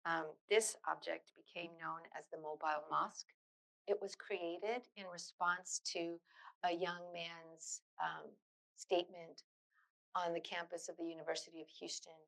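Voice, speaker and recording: A middle-aged woman giving a public lecture in a university auditorium, earnest and thoughtful, often pausing on fillers and restarting phrases. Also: fairly low pitch, fairly even intonation, gravelly, a bit bright, rough recording. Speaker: guest lecturer.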